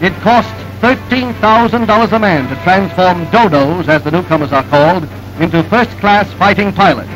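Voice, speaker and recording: A man narrating an old newsreel in a brisk, emphatic announcer delivery. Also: sits high, dull audio, over music.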